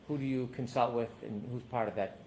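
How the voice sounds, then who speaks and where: A man with a mid-range voice cross-examines a witness, heard through a courtroom recording with faint background noise. He builds probing questions slowly and often breaks them up with "um.". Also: medium pitch, fairly even intonation, warm tone, poor audio. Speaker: attorney.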